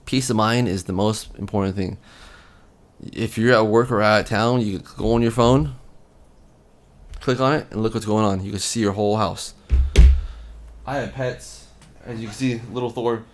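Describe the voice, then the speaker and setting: A man hosting a collecting channel, giving casual advice straight to camera in a relaxed, rambling way, with frequent ums and repeated words. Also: lowish voice, moderate pace, pauses often.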